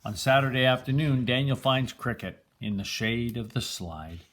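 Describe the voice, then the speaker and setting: An older man with a mid-range voice reads a children's picture book aloud, telling the story in a deliberate, expressive way.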